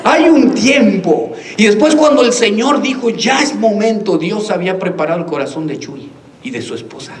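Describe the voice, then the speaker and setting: A man's voice: sits high, animated, normal speed, slight background noise. A male pastor preaching a sermon, telling stories and acting out the dialogue, laughing now and then. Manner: storytelling preacher, acts out dialogue, laughs often. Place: church. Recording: echoey room, mic at a distance.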